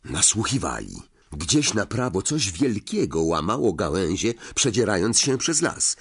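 A man reading a fantasy novel aloud as audiobook narrator, in an expressive storytelling manner. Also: fairly low pitch, unhurried, slightly rough. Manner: expressive storytelling, varied intonation.

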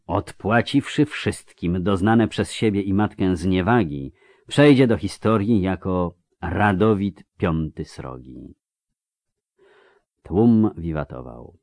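A man narrating a fantasy novel in an expressive, dramatic storytelling manner. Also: sits low, no room sound, clean studio sound. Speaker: audiobook narrator. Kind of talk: scripted fiction narration.

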